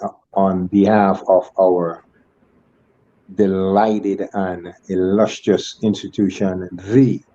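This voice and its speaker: A man's voice: low voice, level tone, slow pace, warm tone, no room sound, highs cut off. A man in his sixties, a school alumnus speaking as a guest on an online panel, with ornate, churchly phrasing and many fillers and restarts. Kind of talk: formal online panel talk.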